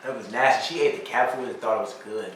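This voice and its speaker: A man's voice: medium pitch, fast talker. A male vlog guest bantering casually during a mukbang, blunt and slangy with some swearing. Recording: echoey room, distant mic, clear background noise.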